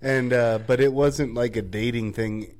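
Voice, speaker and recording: A man's voice: steady tone, measured pace, a little mellow. A man co-hosting a casual chat, telling stories and often laughing as he talks. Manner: storytelling, mimics people in high voices; laughs often while talking.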